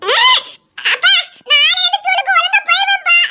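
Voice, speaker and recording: A woman voicing an excitable little village boy in a cartoon, with a Tirunelveli Tamil accent and a squealing, exclaiming manner. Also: very high-pitched, normal speed, noisy background. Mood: excited. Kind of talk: cartoon voice acting.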